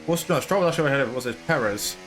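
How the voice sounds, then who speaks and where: A man's voice: medium pitch, expressive, very fast, a bit bright, slight background noise. A man casually commentating his own racing game play, chatty and rambling, sometimes slipping into mock broadcast commentary. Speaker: gaming YouTuber.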